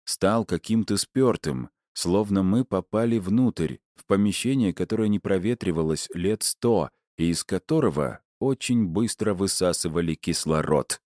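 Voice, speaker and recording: A man with a very low voice reads first-person fiction as an audiobook. His narration is dry and wry. The recording is close and completely dry, with no room at all. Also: unhurried, hardly any pauses, a little mellow, dry recording.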